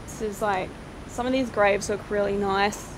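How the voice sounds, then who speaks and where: On a noisy outdoor night recording, a young female paranormal vlogger wanders a cemetery, casually chatting and reading headstone names aloud. She speaks at medium pitch, fairly evenly, and a little slowly.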